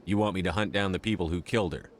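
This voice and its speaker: An actor playing a heroic military commander in a video game, earnest, steady and plain-spoken. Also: male voice, deep voice, very fast, a little hiss or hum, natural voice. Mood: resolute. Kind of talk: video game dialogue acting.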